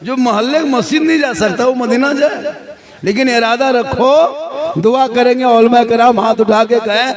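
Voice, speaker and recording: A man preaching to a large gathering in a rousing, scolding voice with a Jharkhandi Hindi accent. His pitch sits very high for a man, and a noisy crowd is clearly heard behind him. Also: moderate pace. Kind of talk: fiery sermon at a public gathering.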